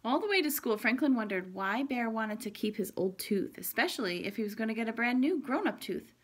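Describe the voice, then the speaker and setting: A woman, a pre-K teacher, reading a picture book aloud to children, explaining the pictures gently. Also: fairly high pitch, very animated, brisk, slightly rough.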